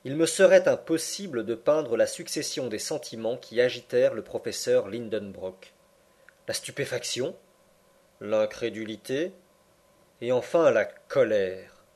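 A man narrating a literary audiobook in a measured, expressive reading voice. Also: mid-range voice.

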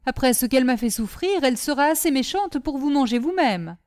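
A woman voicing a frightened male servant who blurts rapid, panicky exclamations in a storybook reading. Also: sits high, lively intonation, a little mellow. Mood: panicked.

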